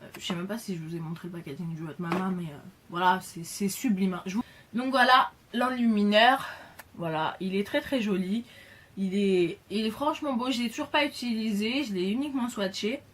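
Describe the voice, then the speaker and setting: A woman's voice: medium pitch, a little fast, a little hiss or hum. A woman chatting casually in a beauty haul video, enthusiastic, with lots of fillers and repeated words. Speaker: beauty vlogger.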